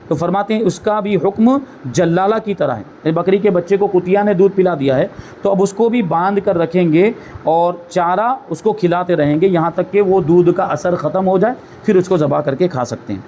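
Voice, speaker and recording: A man's voice: high voice, darkish tone. A man teaches a religious course. He explains each case patiently, posing questions and then answering them, over a faint hum of background noise. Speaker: Islamic scholar teaching a course. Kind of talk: religious lesson.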